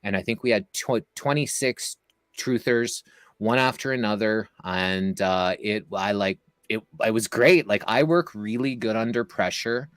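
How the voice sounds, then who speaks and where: A man's voice: lowish voice, a little slow, clean tone, dry recording. A man telling a long story as an interview guest, casual and rambling, with many fillers and restarts.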